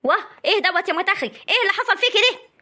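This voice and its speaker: A woman's voice: very high-pitched, animated, pushed and bright, exaggerated voice. A woman with an Egyptian accent playing an older village mother in a comic family drama, scolding and trying to make peace. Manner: chiding, soothing, fast talk. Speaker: mother and aunt in a family feud.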